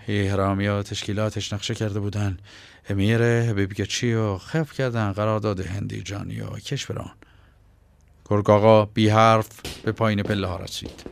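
A man narrating a story as an audiobook, in a measured and unhurried way. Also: mid-range voice, dry recording.

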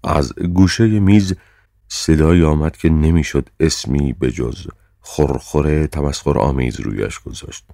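A man reading a novel aloud as the audiobook narrator, in an even, measured storytelling manner. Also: rumbling low, gravelly, no room sound, studio quality. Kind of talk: scripted narration.

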